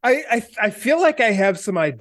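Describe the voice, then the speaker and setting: A male podcast co-host in casual chat who likes to throw in dry jokes. His voice sits a little high for a man. The sound is dry and close on the mic. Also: very animated, moderate pace, fairly bright tone, dry recording. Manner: joking, dry quips.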